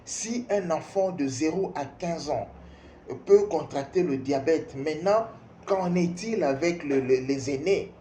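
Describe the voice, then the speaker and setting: Warm and a little high, his speech a little slow, a man in his fifties from Kinshasa speaks emphatically to parents in a Congolese accent. Repetition and rhetorical questions run through this spoken opinion piece, which has a roomy echo and faint background noise.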